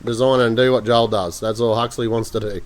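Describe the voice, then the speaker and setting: An Australian man with an average-pitched voice. He hosts in a casual, blokey way, chatting with plenty of slang. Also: fairly even intonation, quick pace, heavy background noise. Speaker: podcast host. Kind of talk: casual chat.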